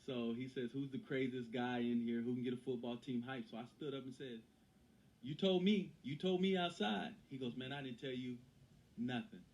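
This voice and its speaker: A man's voice: medium pitch, little pitch movement, a little fast, darkish tone. A Texan man, a guest in an interview, telling his story and acting out the people he quotes.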